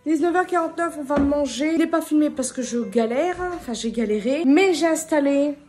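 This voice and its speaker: A woman's voice: high-pitched, a little fast, darkish tone, faint music behind. A woman chatting casually to her vlog audience at home, rambling and tripping over her words. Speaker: vlogger. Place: at home indoors.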